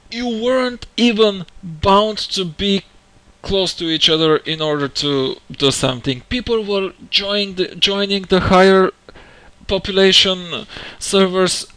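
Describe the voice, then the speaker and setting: A man with a fairly high voice in an angry gamer rant. He sounds exasperated and indignant, repeating phrases for emphasis. The recording is dry and close, with little room sound. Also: fairly bright tone, smooth, no echo, low-quality recording. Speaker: gamer giving opinion on a game franchise. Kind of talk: angry rant, unscripted video commentary.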